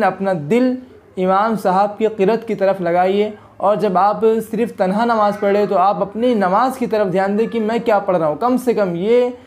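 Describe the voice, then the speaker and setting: A man's voice: high-pitched, darkish tone. A man hosting an Islamic advice talk for video, earnest and exhorting, often repeating phrases to press his point. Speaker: religious video host.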